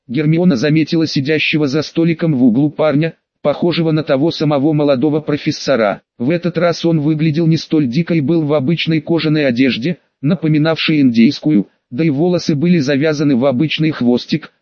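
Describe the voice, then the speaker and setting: A man narrating an audiobook in a steady, even reading voice. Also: on the high side, no echo, highs cut off. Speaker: audiobook reader.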